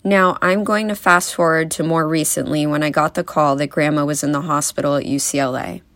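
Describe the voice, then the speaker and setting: Low-voiced woman giving a wry eulogy. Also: steady tone, brisk, no echo. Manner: wry, gently humorous storytelling. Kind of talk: eulogy speech.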